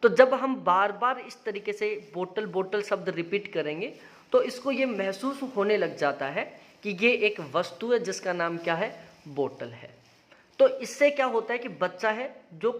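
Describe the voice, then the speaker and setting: High-voiced young father explaining to camera. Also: expressive, a little slow, fairly bright tone. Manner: explaining patiently, coaxing the baby. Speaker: father and vlogger. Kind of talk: parenting vlog, speaking to camera.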